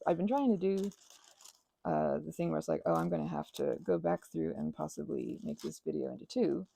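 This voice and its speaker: In a meandering ASMR craft ramble, a woman host chats casually and pokes fun at herself, often trailing off mid-thought. Her voice is creaky, fairly low in pitch, and warm.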